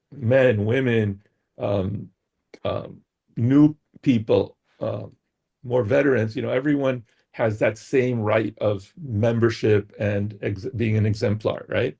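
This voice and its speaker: A guest expert on an explanatory talk show, this American man has a gravelly, husky voice that sits fairly low and sounds mellow. He explains ideas and keeps checking in with listeners by asking "right?"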